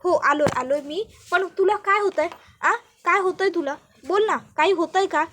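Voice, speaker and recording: Brief: a curt, exasperated young man with a high voice, as a female storyteller puts him on. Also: moderate pace, a bit bright. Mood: reassuring.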